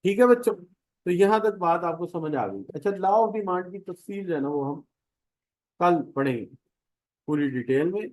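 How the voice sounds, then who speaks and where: A man's voice: sits high, animated, a little slow, darkish tone, rough recording. A middle-aged man with a Pakistani Urdu accent, giving a classroom economics lecture in a chatty way, telling homely stories to his students. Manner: chatty, tells homely anecdotes, addresses students directly. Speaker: economics teacher.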